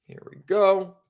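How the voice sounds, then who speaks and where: High-voiced emphatic male commentator. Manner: animated, emphatic, repeats himself. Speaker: political commentator. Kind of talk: casual political commentary.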